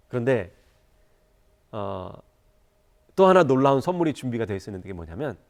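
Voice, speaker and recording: A man's voice: mid-range voice, a little mellow. A Korean man preaching a church sermon, telling a moving story and rising to fervent appeals. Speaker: pastor.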